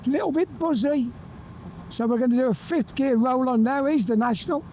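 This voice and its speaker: A man with a fairly high, mellow voice chats eagerly about the bike he is riding. He is heard through a motorbike helmet intercom mic. Faint wind and engine noise sit under his words. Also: a little fast. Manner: chatty, enthusiastic, talks while riding. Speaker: motorcycle reviewer. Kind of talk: ride-along bike review commentary. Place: on a motorbike on open roads, outdoors. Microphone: motorbike helmet intercom mic while riding.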